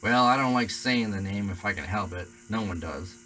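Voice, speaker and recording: A huge shaggy gamekeeper with a rough voice, gruff yet kindly, as a male reader acts him out. His tone is bright and ringing, carried at a hearty volume in a storybook reading with a faint hum in the background. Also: lowish voice, normal speed, lightly acted. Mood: worried.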